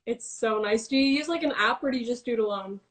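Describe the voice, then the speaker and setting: Young woman on a phone video call, kinda high voice, eager, agrees a lot and jumps right in. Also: fairly bright tone. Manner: eager, agreeable, quick to chime in. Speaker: livestream co-host. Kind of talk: casual chat.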